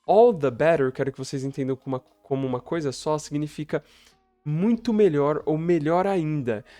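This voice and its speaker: A man teaching English reads story lines aloud and translates them for learners, frequently using tag questions to check in with the viewer. His voice is a little high, a little fast and warm, with no echo.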